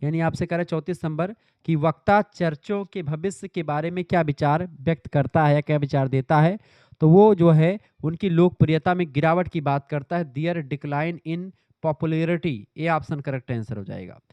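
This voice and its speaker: A man's voice: on the high side, dry recording. Male teacher, dry lo-fi sound. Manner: reads questions slowly, then explains in quick Hindi; repetitive, addresses students directly. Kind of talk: exam-prep lecture.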